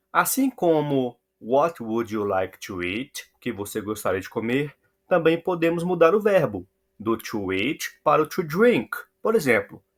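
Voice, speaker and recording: A man teaching English to Portuguese speakers, saying each model phrase slowly and repeating it for practice. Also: mid-range voice.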